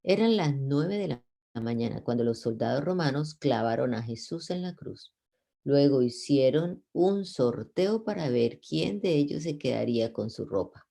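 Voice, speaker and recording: A man reads scripture aloud in a mellow, gravelly voice. He stumbles over words at times and goes back to correct himself, keeping a plain, unhurried tone. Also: mid-range voice. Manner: unpolished reading with slips and self-corrections. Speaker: Bible reader.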